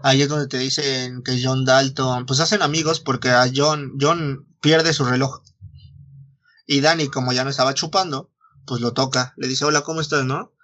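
A man's voice: mid-range voice, steady tone, moderate pace, fairly bright tone, dull audio. A young man with a Mexican Spanish accent retelling a novel in casual chat, full of slang and swearing, saying "güey" at every turn. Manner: slangy, swears often, says "güey" constantly, restarts lines.

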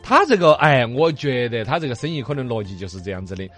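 A man's voice: medium pitch, very animated, fast, a bit bright, soft background music. A man with a Chengdu Sichuan dialect chatting casually as a talk show host, explaining things colloquially and often checking back with rhetorical questions. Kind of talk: casual chat, commenting on listener messages.

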